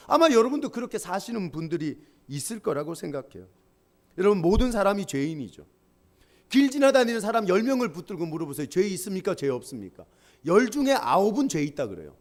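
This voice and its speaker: A male pastor delivering a lively sermon with humor and call-and-response lines for the congregation. His voice is high for a man and moves through a wide, expressive pitch range.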